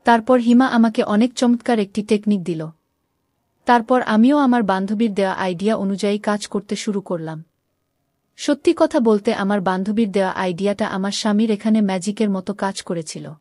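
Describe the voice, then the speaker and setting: Woman narrating a story, mellow. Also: mid-range voice, moderate pace, no room sound, clean studio sound. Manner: reads all characters in her own voice with small shifts. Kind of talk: first-person story narration.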